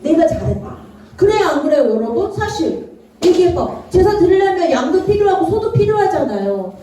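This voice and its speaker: A female children's Sunday school preacher gives a lively sermon in a church worship room, playfully acting out Bible characters in different voices and asking the children questions. Her voice is very high and her pace moderate. She is recorded far from the mic, so the sound is echoey and roomy, with faint ambience and a little hiss or hum.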